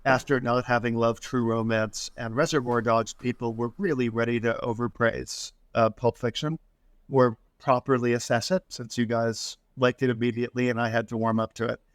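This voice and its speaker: Man, author guest, casual chat, rambling, self-deprecating, mid pitch, dry close sound. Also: flat delivery, moderate pace, smooth, no echo.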